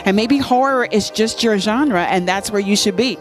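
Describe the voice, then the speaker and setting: A woman with a medium-pitched voice and moderate pace interviews someone at a fan convention as host. Her questions come out eager and enthusiastic, peppered with "I mean," over faint background music.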